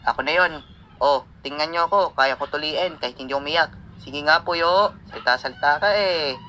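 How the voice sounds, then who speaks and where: A man voicing a boastful, cocky young boy in a homemade animated cartoon. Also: on the high side, normal speed, a little hiss or hum. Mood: bragging. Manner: bragging, swaggering.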